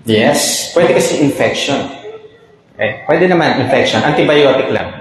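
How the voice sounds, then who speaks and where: A man's voice: medium pitch, lively intonation, a little slow, a little hiss or hum. A man with a Filipino accent, a doctor giving a health talk and checking in with his listeners. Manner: explains with repeated "okay?" checks. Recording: echoey room.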